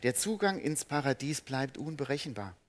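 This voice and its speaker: A man with a mid-range, sing-song voice preaches an earnest sermon, putting direct questions to his listeners and moving between emphatic peaks and soft, slow stretches.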